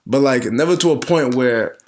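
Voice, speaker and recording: Man podcast co-host, defensive, stumbling restarts, mid-pitched. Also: moderate pace, a little hiss or hum. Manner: defensive, restarts often, laughs while explaining. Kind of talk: casual couple's argument.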